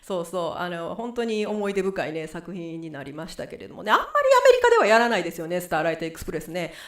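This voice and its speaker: Chatty Kansai woman, lively pitch. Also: fast, reverberant. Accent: Kansai Japanese. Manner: chatty, animated, rambling. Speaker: host and musical singer. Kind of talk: live-stream chat.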